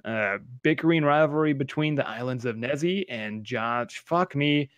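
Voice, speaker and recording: Foul-mouthed joking gamer host. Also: male voice, mid-range voice, normal speed, muffled recording. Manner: swears a lot, jokey, reads lore aloud with mock drama. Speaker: podcast co-host. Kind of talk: casual gaming podcast chat.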